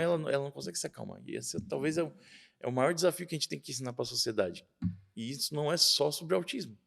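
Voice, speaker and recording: Gravelly-voiced father explaining earnestly. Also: mid-range voice. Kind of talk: interview.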